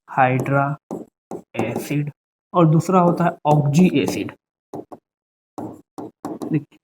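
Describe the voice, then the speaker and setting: A male chemistry teacher giving a classroom lecture in a patient explaining tone, repeating key rules and slowly spelling out formulas. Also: fairly high pitch, a little mellow, a little hiss or hum.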